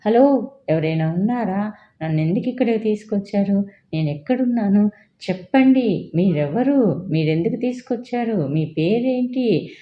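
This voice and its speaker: A terrified young woman from an audio story, voiced by the narrator, calling out in a panicky voice that climbs high. The recording is dull and lo-fi. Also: lively intonation, normal speed, lightly acted. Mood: frightened. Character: frightened young woman trapped in the dark.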